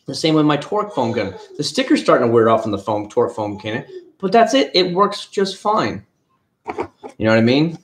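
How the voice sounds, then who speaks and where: Chatty guy from florida rambling on a livestream, mid pitch, roomy echo. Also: big pitch swings, normal speed, a little hiss or hum. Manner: rambling, chatty, retells conversations. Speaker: livestream host. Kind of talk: casual livestream chat. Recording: echoey room.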